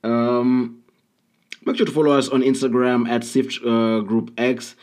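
A man's voice: medium pitch, flat delivery, a little slow, a little mellow. A man hosting a solo podcast, talking casually and bluntly with frequent ums and uhs. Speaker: podcast host.

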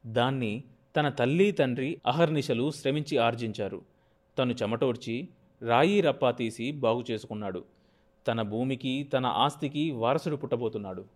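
Man reading an audiobook novel, even steady storytelling, mid pitch. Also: normal speed. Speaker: audiobook narrator. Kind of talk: scripted narration of a novel.

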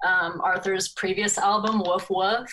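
A young woman in her twenties from California, a podcast guest who talks in a relaxed, rambling way with many fillers and frequent laughs. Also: mid-range voice, a little slow, slight background noise, low-quality recording. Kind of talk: casual interview chat.

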